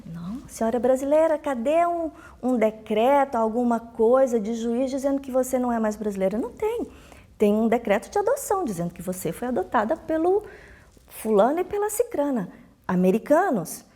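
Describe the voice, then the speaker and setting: A consular official with a Brazilian Portuguese accent gives informal interview answers, explaining rules emphatically, repeating key points and acting out dialogues in anecdotes. Her voice is a little high, warm and expressive, and she talks a little fast.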